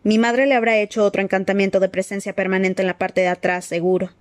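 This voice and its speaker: A woman's voice: medium pitch, level tone, fast talker, no room sound, natural voice. A bitter, impatient grown man, as a woman reader puts him on speaks curtly and coldly with open scorn. The storybook reading is dry and close. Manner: cold, curt, scornful.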